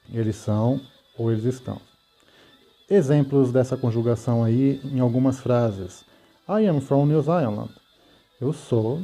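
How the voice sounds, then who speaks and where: A man's voice: mid-range voice, mellow. A man with a Brazilian Portuguese accent teaching an English grammar lesson, patiently explaining and checking often that students follow.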